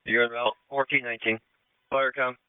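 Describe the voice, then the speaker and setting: A man's voice: mid-range voice, level tone, a little fast, smooth, dry recording. A man dispatching fire units over the radio with terse, procedural acknowledgements. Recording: narrow tinny dispatch radio.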